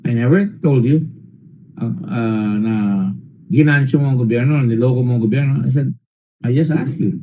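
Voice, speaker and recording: A man with a Filipino accent presides over a formal hearing in a dark, mellow voice. He presses and lectures a witness sternly, mixing English and Tagalog. He halts on fillers and repeated words, then pushes on. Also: mid-range voice, moderate pace, poor audio. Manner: switches between English and Tagalog mid-sentence. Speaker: committee chairman questioning a witness.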